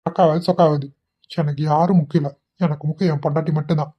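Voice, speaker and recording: A woman's voice: deep voice, steady tone, fast talker, husky, highs cut off. A woman voicing a blunt, short-tempered young husband in a cartoon, talking in a curt, scolding way. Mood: irritated.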